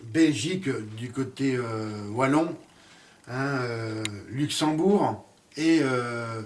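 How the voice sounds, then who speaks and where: A man's voice: medium pitch, extremely slow, recorded from a distance, a little hiss or hum. Hesitant man reviewing a series. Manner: hesitant, many "euh" fillers and restarts. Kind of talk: casual video review.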